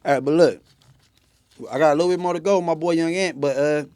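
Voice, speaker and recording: A man's voice: fairly high pitch, fast, darkish tone, clean tone, dry recording. A male host giving laid-back commentary while chewing gum. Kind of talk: casual commentary.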